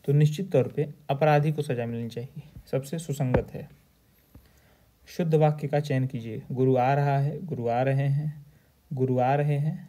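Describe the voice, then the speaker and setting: Dark-voiced man teaching exam answers. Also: medium pitch, steady tone, a little hiss or hum. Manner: repeats answer options slowly, then states the answer. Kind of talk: exam question walkthrough lecture.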